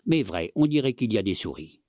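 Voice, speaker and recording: Give me a man doing an anxious old husband in a storybook reading, rambling and coughing, low and dry. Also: very animated, fairly quick, darkish tone, no room sound. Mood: fretful. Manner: coughing fits, fretful chatter.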